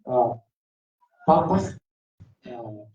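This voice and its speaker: A pastor lectures a class in an unhurried, very dark and mellow voice, firing the same questions back at his students again and again. He sounds far from the microphone in an echoey room, and the recording is dull and lo-fi. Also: medium pitch, expressive. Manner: repeats rhetorical questions to the class. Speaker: pastor teaching a Bible workshop.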